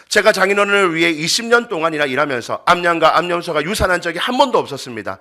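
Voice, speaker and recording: A man preaching and acting out a furious, wronged middle-aged herdsman who rants nonstop at his father-in-law. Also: a little high. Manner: indignant nonstop loud tirade.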